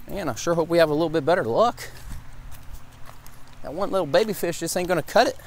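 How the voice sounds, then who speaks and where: A young man with a drawl talks fishing to his viewers, calling them guys and getting worked up easily. His voice sits a little on the high side. He is outdoors on a pond bank, picked up by a camera strapped to his head. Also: fast, a little hiss or hum. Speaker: fishing vlogger. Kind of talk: casual running commentary while fishing. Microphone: head-mounted action camera.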